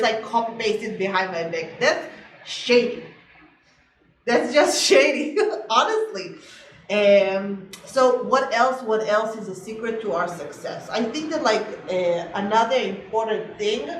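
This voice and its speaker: A woman realtor chatting casually and animatedly to the camera, full of "like" fillers, on low-quality sound because the mic died. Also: a little hiss or hum. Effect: low-quality sound after the mic died. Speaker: realtor, co-host of a couple's channel. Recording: distant, echoey room sound.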